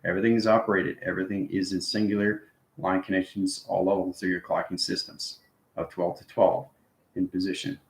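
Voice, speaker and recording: Instructing viewers in an off-the-cuff esoteric talk, this man, who hosts a spiritual channel, goes over points repeatedly and keeps tossing in tags such as okay and right. He has a deep, gravelly, sing-song voice and talks a little fast, in a room that echoes.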